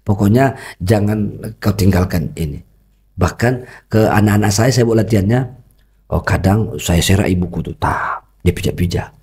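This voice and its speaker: A man's voice: fairly low pitch, normal speed. A middle-aged man with a Medan Indonesian accent, a guest on a podcast interview, telling stories about his children and students and acting out the voices in them. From North Sumatra. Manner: lively storyteller who acts out quoted dialogue. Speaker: guest, educator and father.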